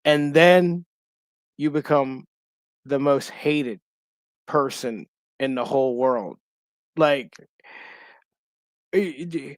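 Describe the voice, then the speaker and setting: A man co-hosting a podcast in casual chat, rambling and halting with many restarts and fillers. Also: on the high side, dry recording. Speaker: podcast co-host.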